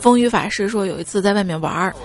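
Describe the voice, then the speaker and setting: A woman host reading listener jokes aloud, laughing at her own lines and jumping her voice up to act out the people in each joke. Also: fast talker. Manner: lively, acts out quoted speakers with jumps in pitch. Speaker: radio-style joke show host. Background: faint background music.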